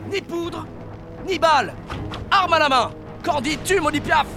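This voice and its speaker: An actor playing a bold, mocking pirate hero who declaims theatrically and taunts in grand language. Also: male voice, very high-pitched, animated, measured pace. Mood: challenging. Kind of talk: dramatic pirate adventure acting. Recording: loud music and crowd noise behind.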